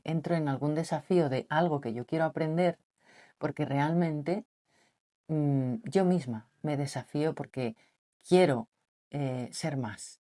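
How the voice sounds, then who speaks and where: A woman speaks to camera in a deep, slightly husky and mature voice. She keeps her tone deliberately soft and reflective, often turning to the listener with rhetorical questions. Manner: speaks softly and lowered on purpose, asks the listener rhetorical questions. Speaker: vlogger on relationships. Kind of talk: reflective personal talk to camera.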